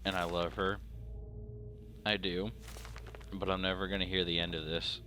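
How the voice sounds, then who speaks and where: A man's voice: low voice, flat delivery, normal speed, sharp tone, faint music behind. A man hosting a gameplay video, chatting casually with lots of fillers, and hiccuping. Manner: rambling, filler-heavy, self-deprecating. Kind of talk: casual let's-play commentary.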